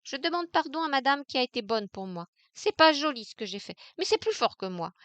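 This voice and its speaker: A woman's voice: high voice, very animated, fairly quick, no room sound, voice pushed up, exaggerated voice. A woman voicing an insolent, mocking young chambermaid in a dry-sounding audiobook reading. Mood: defiant. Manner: brash, taunting, loud.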